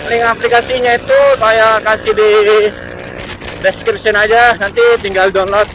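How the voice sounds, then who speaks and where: With a voice that sits high, an Indonesian motovlogger narrates unscripted while riding his motorbike through traffic. He keeps repeating himself and searching for words, sounding halting. The recording is full of steady engine and road noise, with motorbikes and vehicles in the background.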